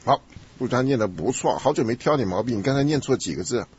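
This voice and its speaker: Male Bible study host, husky and teasing, with a lively, swooping delivery on a dull lo-fi recording. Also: medium pitch, fast talker. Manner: teasing, conversational, lively teacher. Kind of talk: casual Bible study discussion.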